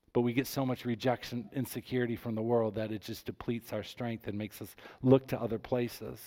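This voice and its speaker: An animated male pastor preaching a sermon in a mid-pitched voice. He swings from hushed, soft passages to loud, excited bursts. A long reverb hangs on his voice, as in a church hall.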